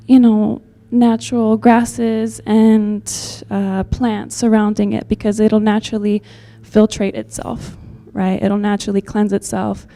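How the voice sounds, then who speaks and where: Gravelly low-bright woman speaking heartfelt. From Texas, USA. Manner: heartfelt, rambling, with many fillers. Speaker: community member commenting at a public meeting. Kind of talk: earnest public comment.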